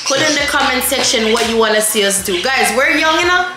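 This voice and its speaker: A woman's voice: on the high side, animated, brisk, echoey room, over music, rough recording. A woman in her thirties co-hosting a family vlog, chatting to camera with many ums and restarts. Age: 30s. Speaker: vlog co-host, mother. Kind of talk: casual chat to camera. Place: indoor room in front of a lattice-patterned wall.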